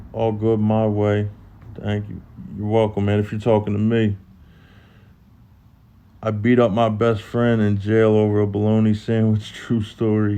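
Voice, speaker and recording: Profane, animated Philadelphia man telling stories. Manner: animated, profane, acts out other people's lines in a higher voice. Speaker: host telling prison stories on a live stream. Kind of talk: casual storytelling, live stream.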